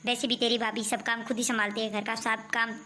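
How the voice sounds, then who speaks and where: A woman playing a soft-spoken placating mother. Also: fairly high pitch, flat delivery, fairly quick, a little hiss or hum. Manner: soothing, placating. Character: gentle, placating mother-in-law, middle-aged woman. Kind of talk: amateur family skit.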